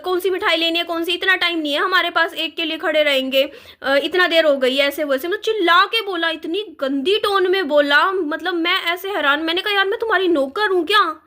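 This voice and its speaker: A woman's voice: very high voice, pushed and bright. A woman, telling an indignant storytime vlog with many fillers. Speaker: vlogger.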